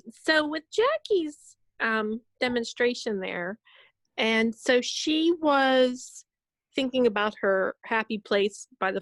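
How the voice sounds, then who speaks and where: Woman in a workshop asking a question, unsure, fumbling words, higher voice, dry sound. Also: fairly bright tone, no room sound. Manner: hesitant, searching for words. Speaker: workshop participant.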